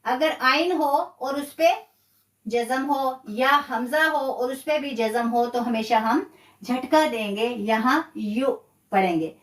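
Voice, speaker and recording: A woman's voice: a little high, reverberant, far from the mic. A woman teaching Quran recitation rules in a live online lesson, explaining patiently and repeating key words. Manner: slow, patient explaining with repetition.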